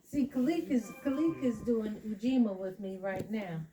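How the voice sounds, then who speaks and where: A woman leading children in a home lesson, coaching them patiently with slow, drawn-out explanations. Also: mid-range voice, dark tone, distant mic, soft background music, rough recording. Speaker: adult leading children in a candle lighting. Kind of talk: home teaching talk. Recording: voice from away from the mic.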